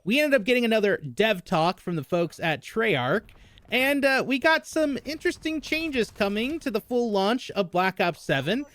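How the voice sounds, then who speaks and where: A gaming YouTube host, a man with a high, fairly bright voice, narrates scripted-sounding gaming news at a moderate pace with big swings in pitch. His mouth is numb from the dentist, so his words come out slightly slurred, and there's no echo.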